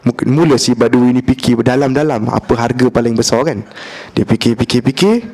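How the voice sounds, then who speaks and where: A man's voice: mid-range voice, a little fast. A man with a Malaysian accent giving a religious lecture, telling a story with humor, acting out the dialogue and mixing in English words. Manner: lively, humorous, acts out dialogue; colloquial, mixes in English words. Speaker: preacher.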